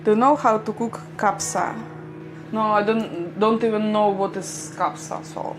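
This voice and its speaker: In a low-quality recording with music playing, a young Ukrainian-accented woman casually reads viewer comments on her livestream. Her mid-range voice is unhurried with fairly even intonation, and she laughs a lot, her English slightly broken.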